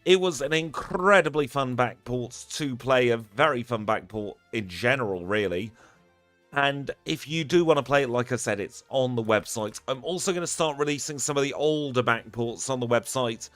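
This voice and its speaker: A man's voice: mid-range voice, moderate pace, fairly bright tone, no room sound. Guy chatting on a game stream, dry close sound, a little music behind. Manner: chatty, upbeat, thanks viewers one by one. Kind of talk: live stream sign-off chat.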